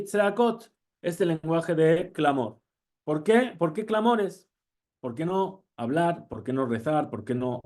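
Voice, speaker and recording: A man, a rabbi, giving a Torah class, asking questions as he goes and quoting Hebrew phrases, often pausing to restart. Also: on the high side, a little mellow. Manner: teaching with questions and Hebrew quotes; frequent hesitations and restarts.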